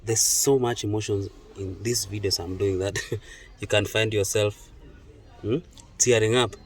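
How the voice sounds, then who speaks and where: A man's voice: fairly low pitch, fairly even intonation, measured pace, recorded from a distance. A man hosting a reaction video, rambling and correcting himself as he comments. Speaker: host.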